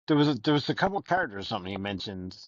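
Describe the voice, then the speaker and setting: Low-voiced swearing man, rambling podcast chat. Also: very animated, rapid-fire, slight background noise. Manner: rambling, swears often, loose and joking. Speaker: podcast co-host. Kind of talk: casual book discussion. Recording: dull lo-fi recording.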